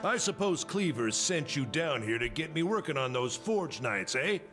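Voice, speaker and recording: A man's voice: a little high, sing-song, normal speed. An actor playing a weary, grumbling male blacksmith in a game, blunt and grudging. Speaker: game character voice. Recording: game audio with music behind.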